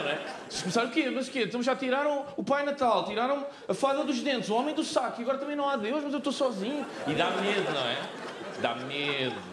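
A brash, profane stand-up comedian with a European Portuguese accent works a live theatre crowd, his voice a bit high and bouncing wildly between loud punchlines and muttered asides. The sound is roomy, with audience noise clearly heard around him.

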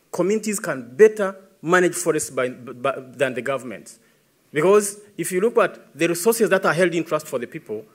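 A man in his thirties with a Ugandan English accent, speaking earnestly as an environmentalist answering questions at a tribunal, building emphasis as he goes. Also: fairly high pitch. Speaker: environmentalist witness. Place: large dark conference stage. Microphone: podium microphone.

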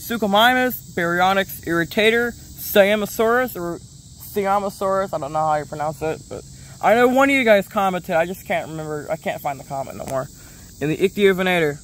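A man's voice: sits high, fairly bright tone, slight background noise. A man giving a casual, rambling toy review, often stopping and restarting mid-sentence. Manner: plain-spoken, drops a curse casually.

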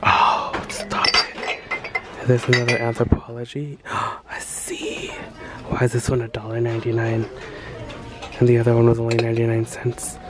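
In a casual thrift-store vlog shot on a handheld camera in an aisle, a man with a mid-range voice speaks at normal speed over heavy background noise. He gets excited, gushes over finds, and mutters to himself.

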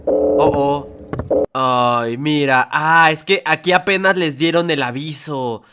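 A young man, hosting a reaction video with excited, playful commentary full of slang and exclamations. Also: a little high, slow pace, smooth. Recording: music playing behind.

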